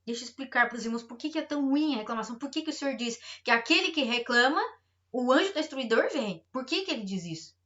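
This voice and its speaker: Bright high-voiced woman preaching. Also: lively intonation, fast talker, highs cut off. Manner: emphatic, repetitive preaching with acted-out complaints. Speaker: pastor. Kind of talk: sermon.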